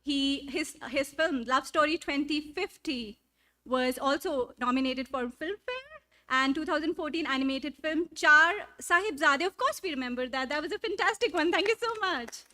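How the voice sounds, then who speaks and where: Her voice is high-pitched, bright, and forceful at a moderate pace as she hosts a live event with a North Indian accent. Gushing and effusive, she introduces the panelists with great enthusiasm. Her live stage presenting mixes English and Hindi.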